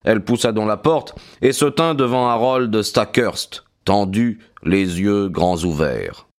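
A man narrating a detective story as an audiobook, in an expressive, measured storytelling manner. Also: fairly low pitch. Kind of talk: dramatic audiobook reading.

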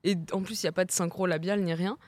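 A woman's voice: fairly low pitch, steady tone, quick pace, a little mellow, dry recording. A woman on a casual chat panel, reacting expressively.

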